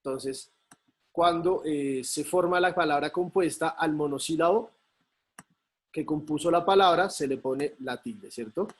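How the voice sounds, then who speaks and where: A man's voice: fairly high pitch, measured pace. A male teacher, patiently explaining a lesson over a video call and often checking in with his students. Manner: patient, checks in with frequent tag questions. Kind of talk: online class explanation.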